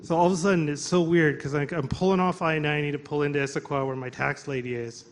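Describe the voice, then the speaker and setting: A man telling a personal story to coworkers at a live storytelling event, halting and restarting often, laughing through his words. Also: fairly high pitch, fairly even intonation, noisy background.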